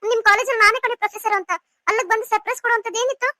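A sulky, emotional young wife from a cartoon , as a woman puts her on. Her voice is very high and bright, and she speaks at a rapid pace. The recording is close and dry. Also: steady tone, dry recording. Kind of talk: cartoon voice acting.

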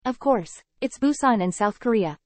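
A woman saying short English sentences for learners, repeating each phrase three times in a careful, even delivery. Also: a little high, moderate pace, dry recording. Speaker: model speaker for English learners. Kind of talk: slow repeated example sentences.

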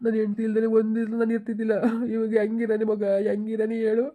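A woman's voice: a little high, monotone, fast talker, phone-quality sound, lightly acted. A woman playing a grieving middle-aged village husband, crying and pleading in a village drama. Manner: pleading, sobbing speech.

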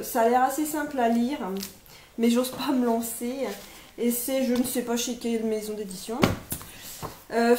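A young woman with a high voice talks slowly and hesitantly, stopping often on fillers as she works through a list of books. She sounds like she is in an echoey room with a faint hiss behind her. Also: darkish tone. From France. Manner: hesitant, many fillers, lists titles one by one. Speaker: book vlogger. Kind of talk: casual chat presenting books.

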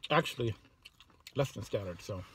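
A man's voice: on the low side, lively intonation, moderate pace, background noise. A man vlogging casually while eating, talking with his mouth full of food in a rambling way. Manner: rambling, repeats words, chewing while talking. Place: parked car outside a small-town hotel.

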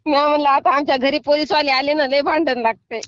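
A woman's voice: high-pitched, steady tone, brisk, fairly bright tone, no room sound. A middle-aged woman on a phone call, scolding at first and then pleading and apologizing. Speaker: prank call target. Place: sitting in a field.

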